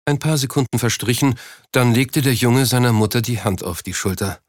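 Male audiobook narrator, mid-pitched voice, steady storytelling, dry close sound. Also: normal speed, no room sound. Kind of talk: scripted narration.

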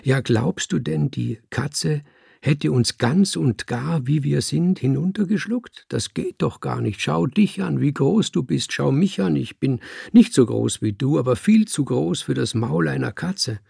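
Playful young tomcat, man reader: husky, dry, gently teasing. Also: fairly high pitch, expressive, a little slow, dry recording, exaggerated voice. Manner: spinning playful questions.

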